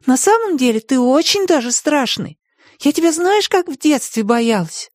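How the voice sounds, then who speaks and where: Man doing a high, lively young girl. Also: moderate pace, no room sound, studio quality. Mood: soothing. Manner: soothing and chiding. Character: kind, bossy young girl Katya.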